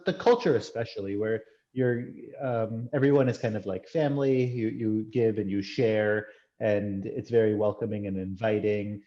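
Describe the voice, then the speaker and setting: A man speaks over a dull, muffled video-call line. His voice is dark and mellow. He hesitates often and keeps saying "like, like.". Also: on the low side. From United States. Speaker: guest, tech executive. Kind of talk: casual video-call chat.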